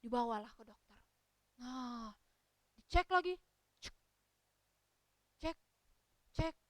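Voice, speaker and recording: A woman Sunday school teacher telling a story to children in a lively way, often speaking to them directly. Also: a little high, slow, no echo.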